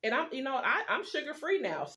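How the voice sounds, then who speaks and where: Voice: high voice, huge pitch swings, a little fast, noisy background. A vlogger chatting informally and confidingly to viewers while eating, rambling along and talking with food in the mouth. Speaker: video blogger. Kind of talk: casual chat while eating, mukbang style.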